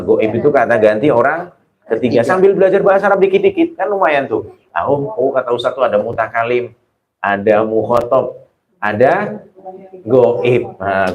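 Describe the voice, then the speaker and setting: A man teaching Quran exegesis to a women's study group, explaining Arabic terms and quizzing his listeners with questions. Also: muffled recording. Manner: acts out exaggerated exclamations with rising pitch. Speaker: Islamic religious teacher.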